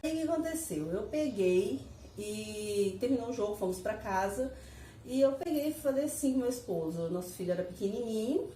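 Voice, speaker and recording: A woman casually telling her viewers a personal story, animated and repetitive, laughing as she goes. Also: on the high side, normal speed, a little hiss or hum. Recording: echoey room, mic at a distance.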